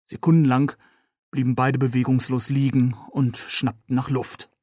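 A man, the author, calmly reading narration from his own novel. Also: mid-range voice, normal speed, dry recording, clean studio sound.

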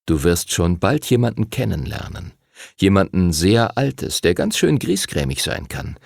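A man's voice: sits low, very animated, a little slow, gravelly, no echo, clean studio sound, exaggerated voice. A man voicing an eager, reassuring young man in an audiobook, speaking with enthusiasm. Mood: earnest. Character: eager young male graduate, excitable and reassuring. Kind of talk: audiobook character voice.

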